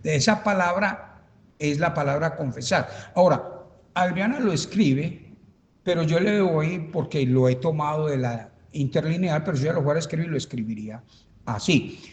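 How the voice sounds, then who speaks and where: A man, a pastor, teaching a Bible study in a church, speaking haltingly and emphatically, repeating points as he writes them on a board. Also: on the high side, darkish tone. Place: church hall. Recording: reverberant church hall.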